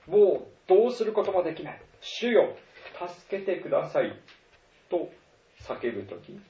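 A man's voice: fairly high pitch, mellow. Earnest male pastor preaching in a roomy hall. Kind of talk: sermon. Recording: roomy, distant, dull sound.

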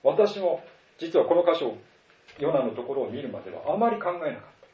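A man preaching a sermon as a pastor, earnest and animated in his delivery. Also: fairly high pitch, a little fast. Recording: roomy, distant, dull sound.

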